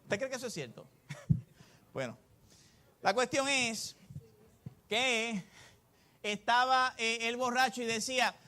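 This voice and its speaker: A man's voice: very high-pitched, slow, pauses often. A male pastor with a Puerto Rican accent, preaching a sermon and telling stories animatedly to his congregation. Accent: Puerto Rican Spanish. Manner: animated storytelling, addressing the congregation.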